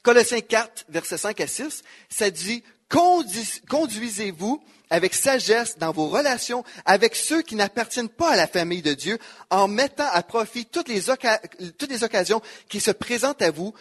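High-voiced Quebec French pastor preaching. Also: male voice, expressive, moderate pace, fairly bright tone. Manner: emphatic, repeats key phrases, quotes scripture. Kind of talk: sermon.

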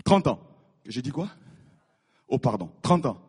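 A man preaching a sermon, animated, repeating his words and acting out the people in his stories. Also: medium pitch, unhurried, husky. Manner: animated, repeats words, acts out voices of biblical figures. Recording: reverberant hall.

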